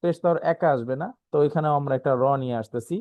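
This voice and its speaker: Man teaching Quran reading, slow and patient. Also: fairly high pitch, darkish tone, no echo. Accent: Bangladeshi Bengali. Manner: explains slowly, often asks "right?", spells letters out. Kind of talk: online lesson.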